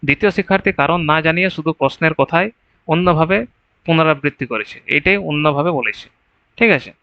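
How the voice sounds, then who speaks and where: A man's voice: a little high, fast talker, clear, resonant tone, no room sound, lo-fi sound. A man teaching an exam-prep lesson, going through the answer choices one by one and often checking with "right?".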